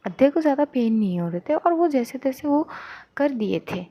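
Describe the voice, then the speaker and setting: A woman's voice: sits high, big pitch swings, normal speed, highs cut off. A woman narrating a story in a casual, chatty way. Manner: chatty, conversational retelling.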